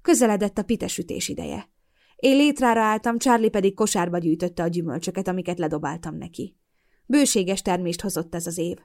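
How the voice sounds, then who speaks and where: Woman narrating an emotional audiobook. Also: on the low side. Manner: expressive, emotional storytelling. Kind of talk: first-person audiobook narration.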